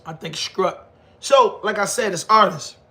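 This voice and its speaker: A high-voiced man with a Baltimore accent talks off the cuff to his viewers. His tone is bright and forceful, and his delivery is slangy, profane and emphatic, with phrases often repeated. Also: measured pace. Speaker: online commentator on hip hop. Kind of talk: casual unscripted talk to viewers.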